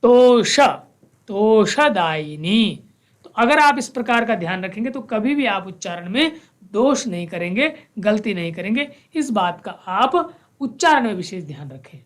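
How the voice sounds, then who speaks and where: A woman teaching a language class, slowly reciting verses with careful pronunciation and then explaining them. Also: mid-range voice, expressive. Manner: switches between chanted verse and spoken explanation. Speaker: Sanskrit teacher.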